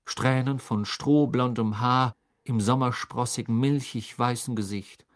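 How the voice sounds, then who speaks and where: An audiobook narrator reads a storybook in an even, measured way. The voice sits at a middle pitch and stays steady from one sentence to the next.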